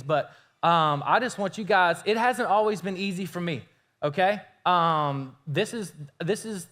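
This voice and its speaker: High-voiced hyped youth pastor man. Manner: energetic, hyped, teasing. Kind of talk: addressing a youth group.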